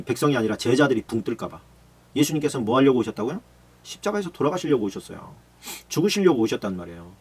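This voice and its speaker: A man, a pastor, giving a lively Bible study lecture and acting out the scenes he explains. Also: medium pitch, slightly rough. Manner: animated, acts out disciples and Jesus in shouted voices.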